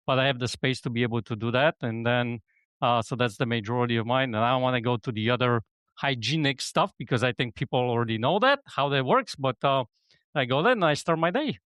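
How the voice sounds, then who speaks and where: A middle-aged man from Poland speaks in a relaxed, rambling way as a podcast guest, often checking in with "you know what I mean". His voice sits at an ordinary pitch for a man. The recording is close and dry, with no room sound. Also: a little fast, clean tone, dry recording. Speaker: podcast guest, business coach. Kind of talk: casual conversation.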